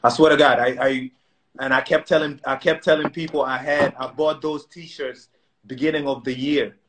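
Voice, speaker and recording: A man's voice: mid-range voice, steady tone, normal speed, noisy background. Middle-aged guy on a phone live stream, rambling storyteller, lots of you knows. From South Sudan. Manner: storytelling, many restarts and "you know". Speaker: co-host. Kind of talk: casual chat on a livestream. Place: indoor room at home. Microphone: phone camera video call.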